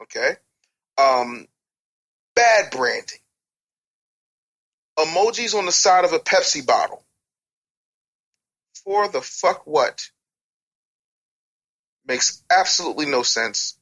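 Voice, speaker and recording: Speaking slowly with long pauses, this interview guest, who advises on music business and branding, spins casual stories and blunt, joking opinions in slang. His voice runs on the high side, animated and a bit bright. The recording quality is low.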